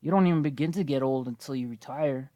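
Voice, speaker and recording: A man's voice: mid-range voice, fast, warm tone, no room sound, lo-fi sound. Slightly wheezy young man with a cold. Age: 20s. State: coming down with a cold. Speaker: gaming video host. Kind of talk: casual rambling gameplay commentary.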